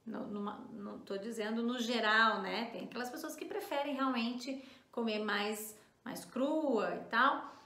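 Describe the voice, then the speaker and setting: A woman with a Brazilian Portuguese accent teaching a language lesson, repeating words slowly and checking in with the viewer often. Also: a little high, sharp tone, echoey room. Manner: slow, drawn-out repetition of words for practice; frequent tag questions to the viewer. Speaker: French teacher.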